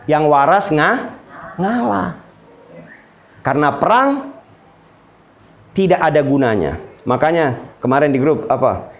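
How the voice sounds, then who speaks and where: Animated preacher man with lively pitch. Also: slow pace, pauses often. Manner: animated, joking, quotes people in lively voices. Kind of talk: casual religious talk.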